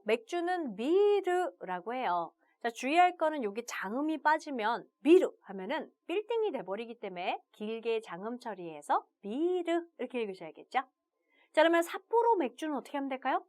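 A woman teaching a video language lesson, upbeat and chatty, opening her phrases with a bright "자". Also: sits high.

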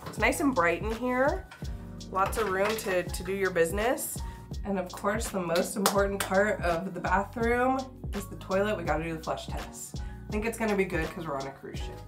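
A woman in her thirties giving a casual, gushing tour of a small cruise ship cabin, with lots of excited exclamations. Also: mid-range voice, normal speed, music in the background. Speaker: travel vlogger.

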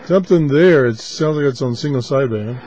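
Mellow man muttering over radio static. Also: medium pitch. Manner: unhurried, muttering to himself in short phrases. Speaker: shortwave radio hobbyist host. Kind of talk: casual off-the-cuff demonstration commentary. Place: small indoor radio desk. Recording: dull camera audio with clear static noise. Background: shortwave radio static.

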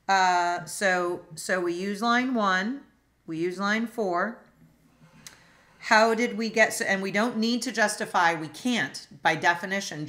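A woman's voice: lowish voice, fairly bright tone. A woman instructor teaching a logic class over a video call, asking students questions, with frequent fillers and restarts. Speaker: philosophy instructor. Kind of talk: online class lecture.

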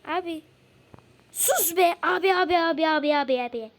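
A young woman chatting casually while playing a game with a friend. She repeats words in quick bursts and yelps when startled. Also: very high voice, low-quality recording. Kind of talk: casual game-play chat.

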